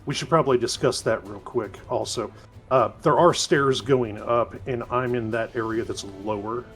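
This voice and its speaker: A man's voice: mid-range voice, moderate pace, fairly bright tone, faint music behind. A man chatting casually as a player in a tabletop role-playing game.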